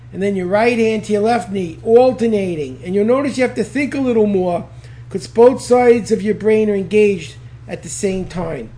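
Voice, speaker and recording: A man teaching a self-improvement lesson, leading viewers through a physical exercise and counting aloud with enthusiasm. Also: sits high. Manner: enthusiastic, counts out loud, calls for passion. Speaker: speed reading instructor. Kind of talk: energetic instructional talk leading an exercise.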